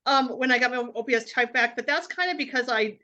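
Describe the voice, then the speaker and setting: A woman's voice: a little high, quick pace, bright, forceful tone, highs cut off. A woman co-hosting a podcast chat, hesitant, repeating words as she thinks aloud. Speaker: podcast co-host. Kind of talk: casual panel chat.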